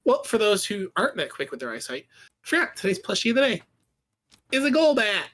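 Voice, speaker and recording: Lively, jokey podcast co-host. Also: mid-range voice, fairly quick. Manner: jokey, wry quips. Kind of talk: casual chat.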